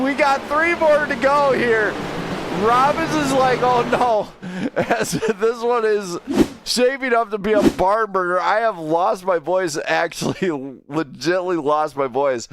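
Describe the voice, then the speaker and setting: Calling a sim race live in a high voice, a man gets excitable and shouts out driver names as the field battles, though he settles into an unhurried pace between bursts. The game's engine roar is clearly audible behind his play-by-play.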